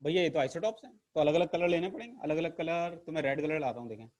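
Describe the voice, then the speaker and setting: A man's voice: fairly high pitch, fast talker, darkish tone. A man teaching an online chemistry lesson to camera in a playful, theatrical way, teasing his class. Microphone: camera mic.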